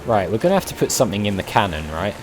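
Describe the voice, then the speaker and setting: Guy doing casual let's play commentary, lively pitch, thinking out loud, game music behind. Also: racing. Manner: musing aloud, questioning. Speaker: gamer, let's play host.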